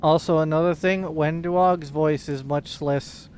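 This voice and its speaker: Casting: male gamer, slightly high voice, unhurried casual chat, dry teasing, faint background noise. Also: fairly even intonation, darkish tone. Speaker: gamer playing and commenting.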